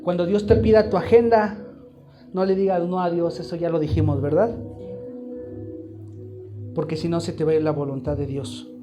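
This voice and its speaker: A man's voice: a little high, fairly even intonation, normal speed, long pauses, over music. A man preaching a live sermon to a congregation, emphatic and throwing repeated questions at the room. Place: church hall, live congregation.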